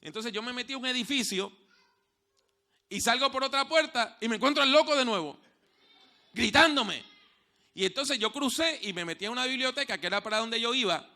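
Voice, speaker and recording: Preaching in church, this male pastor tells stories in a high, piercingly bright voice that shifts from soft, hushed passages to loud, raised ones. He slows down to repeat his main points and key phrases with weight.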